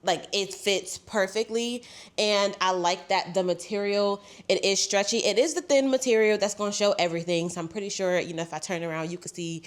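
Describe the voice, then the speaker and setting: A woman's voice: medium pitch, fairly even intonation, brisk. A young woman, chatting casually through a clothing try-on haul, congested and a little out of breath, saying "y'all" a lot. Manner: chatty, says "y'all" often. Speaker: fashion haul vlogger.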